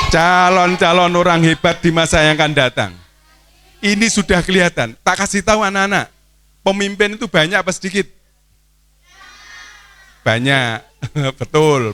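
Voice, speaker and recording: Man teacher, coaxing crowd of kids; bright, slightly high voice. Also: clear, resonant tone. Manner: playful, coaxing, asks the crowd questions. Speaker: teacher addressing students. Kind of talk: lively speech to children at an opening event. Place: boarding school hall.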